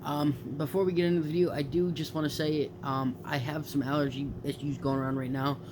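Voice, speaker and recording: A young man, a gaming YouTuber whose nose is stuffed up from allergies, rambles casually about video games in a late-night video chat. His voice is a little high and level in tone, his pace is brisk, and he fills his talk with fillers and self-corrections. Background noise can be heard.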